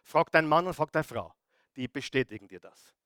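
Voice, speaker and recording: A man's voice: on the high side, animated, brisk, a bit bright, dry recording, studio quality. A middle-aged man preaching a sermon, stressing and repeating key words and firing questions at the audience.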